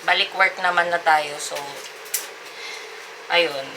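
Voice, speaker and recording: A woman's voice: fairly low pitch, fairly even intonation, takes it slowly. A young adult woman and mother vlogging at home, chatting casually to fellow moms and mixing Tagalog with English. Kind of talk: casual chat to camera. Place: home indoors, kitchen and bathroom. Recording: home video with clear background noise.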